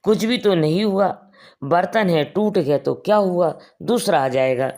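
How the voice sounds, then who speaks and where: A man's voice: sits high, measured pace, darkish tone. A man voicing a kind, loving middle-aged mother-in-law in a family storybook tale, talking affectionately and soothingly. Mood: reassuring.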